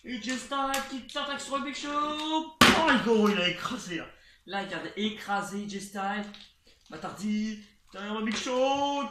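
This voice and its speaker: A wrestling commentator calling a video game match play-by-play, excitable and rambling, repeating names and shouting at the big moves. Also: medium pitch. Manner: rambling asides, repeats names, frequent restarts. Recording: roomy, noisy, distant home mic.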